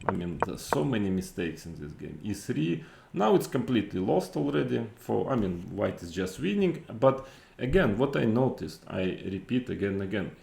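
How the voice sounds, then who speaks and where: A man giving off-the-cuff chess commentary in an exasperated, incredulous, critical way, with halting, repetitive phrasing and rhetorical questions. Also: fairly low pitch, vocal fry, darkish tone, roomy sound.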